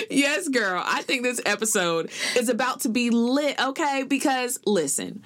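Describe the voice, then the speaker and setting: A young woman in her twenties co-hosting a podcast in casual chat, sassy and expressive, full of slang. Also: a little high, unhurried, background noise. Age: 20s. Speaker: podcast co-host.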